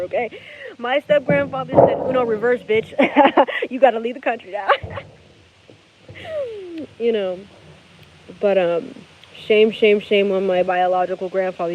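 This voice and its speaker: A woman's voice: mid-range voice, darkish tone. A woman in her thirties telling a personal story to her viewers in a candid, profane, casual way, often checking in with "okay?" and "baby". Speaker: vlogger. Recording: slightly muffled with faint hiss.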